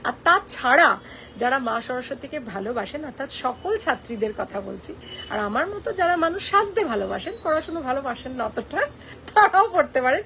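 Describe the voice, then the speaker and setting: Woman, high voice, live-stream sales chat, playful and teasing, code-switching to English. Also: very animated, moderate pace, bright, forceful tone, a little hiss or hum.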